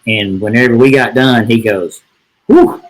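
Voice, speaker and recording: On a poor-quality recording, a middle-aged real estate agent guesting on a podcast spins a casual, meandering yarn. His voice is fairly low and steady, at a normal pace, and his folksy telling keeps restarting with "and, uh."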